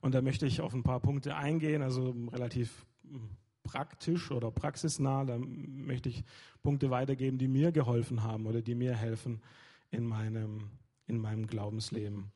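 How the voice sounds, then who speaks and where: Young male preacher, loose informal sermon, hesitant delivery, mellow and a bit husky. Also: medium pitch, fairly even intonation, moderate pace. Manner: hesitant, many fillers and restarts.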